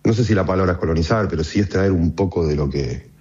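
An Argentine man speaking in a relaxed, conversational way in a radio interview, with frequent fillers. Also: sits low, fast, lo-fi sound. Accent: Argentine Spanish.

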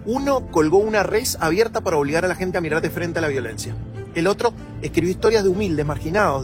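A man with an Argentine Spanish accent making an urgent, indignant video appeal. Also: sits high.

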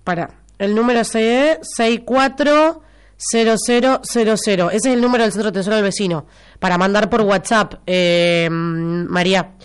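Hosting casual live local radio with listener messages, this Argentine woman speaks Rioplatense Spanish in a smooth, mid-range voice at normal speed. She has a cold that leaves her nose stuffy, and she's chatty and teasing, repeating details for listeners.

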